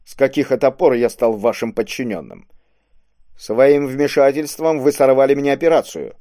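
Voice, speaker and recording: A man voicing a stern, commanding male police inspector in an audiobook, gruff and scolding. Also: medium pitch, steady tone, normal speed, mellow, dry recording, clean studio sound, voice pushed up, natural voice. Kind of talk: audiobook character voice.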